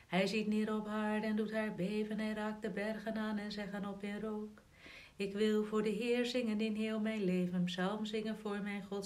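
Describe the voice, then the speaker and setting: A woman reading psalms aloud in a measured, solemn liturgical recitation. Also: mid-range voice, a little mellow. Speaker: psalm reader.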